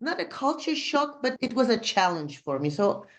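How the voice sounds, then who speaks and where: A woman teacher joining a video call workshop, telling a story hesitantly, with many fillers and pauses. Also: on the high side, sing-song. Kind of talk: sharing a personal story.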